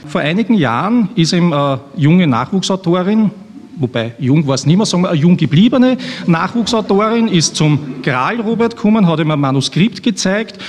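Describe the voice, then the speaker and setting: A man's voice: sits high, animated, moderate pace. An Austrian man, an author introducing a reading at a live event, talking in a rambling, self-mocking way with many restarts. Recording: long hall reverb.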